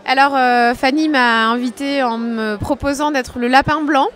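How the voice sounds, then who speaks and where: A dancer from France answering interview questions in a loose, chatty way. She hesitates often and fills pauses as she thinks. Her voice sits on the higher side for a woman. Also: steady tone, a bit bright. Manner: hesitant, many fillers. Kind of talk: casual interview chat.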